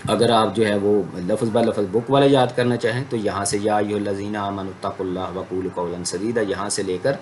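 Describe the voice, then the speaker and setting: A man's voice: fairly low pitch, fairly even intonation, few pauses, slight background noise. Man teaching a religious studies lesson. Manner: explanatory, conversational, adds everyday examples. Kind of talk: Islamic studies lecture.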